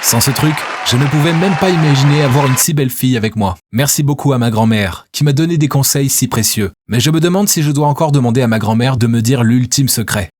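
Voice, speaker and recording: A man narrating a scripted first-person story in a steady, earnest manner. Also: mid-range voice, fast, hardly any pauses, slightly rough, some chatter behind.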